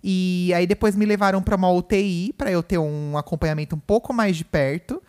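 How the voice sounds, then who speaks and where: Um homem com sotaque brasileiro, co-apresentador de podcast, conversando de forma casual num quarto de hospital e contando tudo com emoção. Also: male voice, high-pitched, fairly quick, a little mellow, clean tone. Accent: Brazilian Portuguese. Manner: chatty, emotional storytelling full of "né" and "gente". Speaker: podcast co-host. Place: hospital room.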